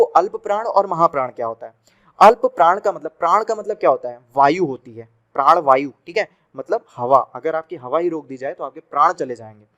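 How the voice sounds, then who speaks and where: A man's voice: fairly high pitch, a bit bright. A young man giving a chatty video lesson for exam students, repeating sounds aloud to demonstrate them. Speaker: Hindi teacher for exam prep. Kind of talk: classroom-style video lesson.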